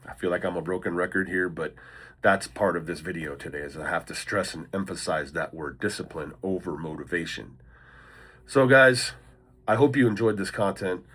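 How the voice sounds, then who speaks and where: A man's voice: sits low, fairly bright tone, husky. A man talking to camera in an earnest, encouraging way, giving a casual motivational talk to other men. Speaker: motivational vlogger.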